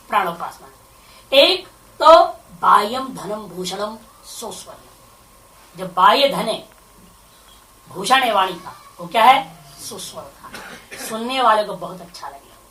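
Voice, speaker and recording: Slight background noise accompanies this scripture commentary by a woman spiritual teacher, whose voice is a little high, pushed and bright. She explains Sanskrit phrases one line at a time and asks rhetorical questions, recorded at a distance in an echoey space.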